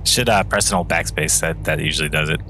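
A man's voice: a bass voice, fast, pushed and bright, a little hiss or hum. A man joking and teasing his friends while they play a game together. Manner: teasing, joking, mock threats. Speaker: gamer. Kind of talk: casual gaming banter over voice chat.

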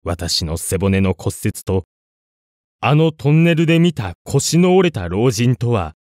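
A man narrating a scripted ghost story in a suspenseful, dramatic way, with deliberate pauses. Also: medium pitch, very animated, a little mellow, dry recording, clean studio sound.

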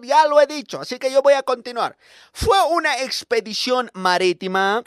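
A man's voice: extremely high pitch, fairly bright tone, full character voice. A man playing a strict, pompous male schoolteacher who scolds students and repeats himself.

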